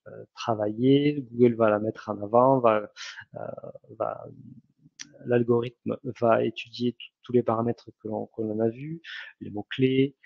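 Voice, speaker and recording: Male trainer, husky gravelly voice, halting delivery with constant restarts; dull dry recording. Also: medium pitch, fairly even intonation, dry recording. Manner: many fillers and self-corrections. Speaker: online ads trainer. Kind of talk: hesitant spoken lesson.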